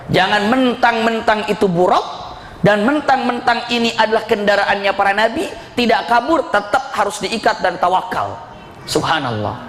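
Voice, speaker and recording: A man giving an Islamic sermon with storytelling. He talks in a lively way, laughs through his anecdotes and asks and answers his own questions. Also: high voice. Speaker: preacher. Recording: echoey hall with faint ambience.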